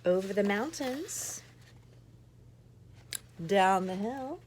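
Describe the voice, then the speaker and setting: A woman's voice: mid-range voice, expressive, drawn-out words, a little hiss or hum. A woman in her thirties, a mother, reading a children's picture book aloud with playful asides to young listeners. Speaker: children's story reader, mother.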